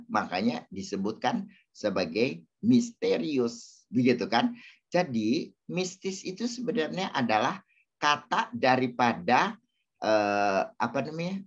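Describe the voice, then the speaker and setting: A man's voice: fairly high pitch, husky. A man answering questions in a casual spiritual talk, hesitant with many fillers, asking his listeners questions. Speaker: speaker answering audience questions. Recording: dull lo-fi sound.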